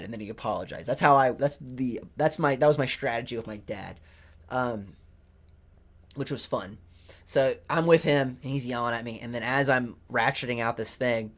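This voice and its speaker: A young man hosting a podcast, telling a rambling, profane story about his family in a casual monologue, full of "like" and restarts. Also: medium pitch. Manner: rambling, profane, self-interrupting with lots of "like". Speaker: podcast host, rookie stand-up comedian.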